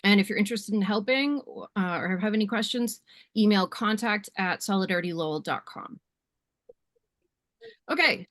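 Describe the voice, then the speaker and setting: A woman hosting a community meeting on a video call, reading out announcements in a brisk, businesslike way. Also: medium pitch, fairly bright tone, no room sound, studio quality. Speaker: meeting host. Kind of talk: running an online community meeting.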